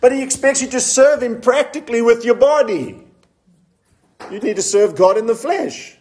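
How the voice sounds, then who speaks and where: High-voiced male preacher. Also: expressive, a little mellow. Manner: slows down to read scripture in a low, solemn voice; asks the congregation questions and laughs lightly. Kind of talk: sermon.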